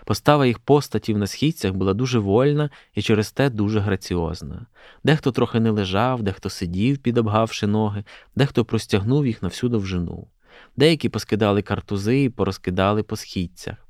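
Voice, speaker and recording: A man, a journalist, reading a classic prose excerpt aloud in a steady, measured way. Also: fairly low pitch, no room sound, clean studio sound.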